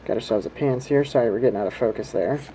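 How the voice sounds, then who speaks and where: Mellow, laid-back man chatting casually. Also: mid-range voice, fast talker, slight background noise, poor audio. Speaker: host of a trading card pack-opening video. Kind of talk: casual running commentary while opening card packs. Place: indoors at home, hands at a table.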